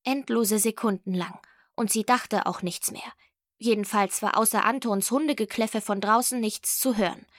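A woman narrating a children's audiobook with lively storytelling and voices for the characters. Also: mid-range voice, moderate pace, dry recording, studio quality.

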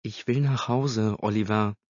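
Guy doing a snippy nervous teen girl, pitched way up, dull dry recording. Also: lively intonation, moderate pace, no room sound, natural voice. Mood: anxious. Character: nervous, sharp-tongued teenage girl.

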